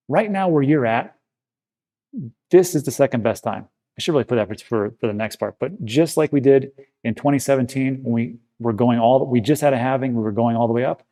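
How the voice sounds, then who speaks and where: A man talks straight to his viewers in a casual vlog, wandering through his points and restarting sentences as he reassures them. His voice is gravelly and low in brightness, mellow rather than sharp. He sounds like a regular host of his own channel. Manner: rambling, reassuring, with frequent restarts. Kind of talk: casual talking-to-camera vlog.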